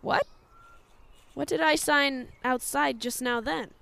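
Actress as frightened young woman, high pitch, slow, hesitant, wary, horror audio drama. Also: fairly even intonation, vocal fry, a bit bright, dry recording, full character voice. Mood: uneasy. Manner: hesitant, halting.

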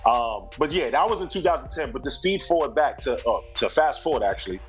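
A Brooklyn rapper and singer in his thirties, with a New York accent and a middle-pitched voice, chats as a guest in a casual interview. He talks fast but relaxed and reflective, full of slang and little fillers, with faint music in the background.

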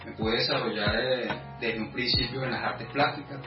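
A Venezuelan man in his thirties, a guest artist, telling his story in a casual interview with many thoughtful pauses and fillers. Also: mid-range voice, fairly even intonation. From Venezuela, the llanos. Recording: echoey room, distant lo-fi mic, music.

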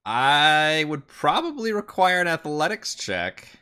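A man's voice: fairly high pitch, big pitch swings, measured pace, sharp tone, clean tone. A man running a tabletop game as game master, narrating and chatting casually.

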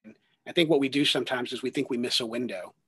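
Man, thirties, earnest, rambling, fillers, middle pitch, dry recording. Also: quick pace, fairly bright tone, breathy edge, no echo. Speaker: ministry worker, guest. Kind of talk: conversational testimony.

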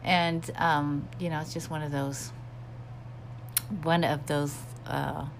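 A woman with a low-pitched voice hosts a podcast in a casual, confiding style. She takes her time and often feels her way into a sentence. She is recorded in a bathroom, with a soft fan hum running behind her. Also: flat delivery, takes it slowly, vocal fry, poor audio. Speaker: podcast host. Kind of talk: casual chatty podcast talk. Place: small bathroom at home. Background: humming bathroom fan.

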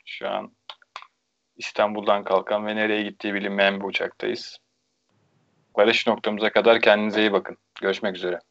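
A man putting on an airline captain's cabin announcement to passengers, slow and measured. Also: on the low side, flat delivery, a bit bright, dull audio. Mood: mock formal. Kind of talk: mock pilot announcement to passengers.

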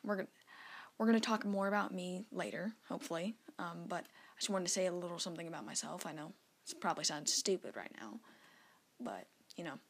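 Self-conscious teenage girl podcaster, creaky voice. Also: on the low side, brisk. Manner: self-conscious, nervous, apologetic. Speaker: podcast host. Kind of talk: casual solo podcast talk.

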